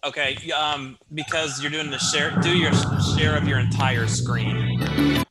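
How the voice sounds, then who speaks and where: A man's voice: a little high, expressive, a little slow, loud music behind the voice, poor audio. A man in his thirties hosting a webinar on a video call, friendly and helpful, with some ums. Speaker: webinar host. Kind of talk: casual video-call moderation.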